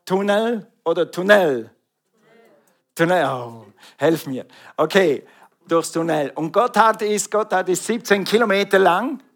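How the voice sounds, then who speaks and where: In an unhurried, high-pitched voice, a middle-aged man with a Swiss German accent from Switzerland preaches with animation and calls out to the congregation.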